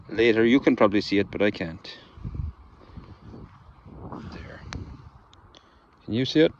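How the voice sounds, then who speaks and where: A man's voice: mid-range voice, dull audio. A middle-aged man chatting to viewers as he metal detects in a wet, windy farm field. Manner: chatty, talks to viewers while digging. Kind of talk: casual outdoor commentary. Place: open farm field in wind and rain.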